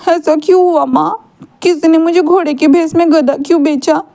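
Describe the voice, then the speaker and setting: Woman doing a soft, boyish voice for a naive, childlike young man who keeps asking innocent questions; no depth. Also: steady tone, normal speed. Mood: pleading. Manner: high, innocent, pleading questions.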